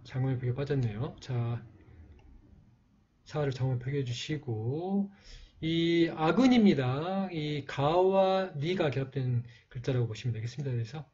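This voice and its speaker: A man's voice: a little high, darkish tone, breathy edge, dull audio. A man teaching a writing lesson, explaining each stroke patiently and stopping often on fillers. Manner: slow, patient, with frequent fillers. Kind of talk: calligraphy lesson narration.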